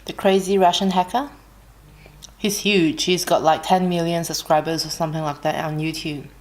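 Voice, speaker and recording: Lowish-voiced Australian woman chatting while eating. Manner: relaxed, unhurried, pausing to eat with soft hums. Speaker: mukbang vlogger. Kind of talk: casual chat while eating.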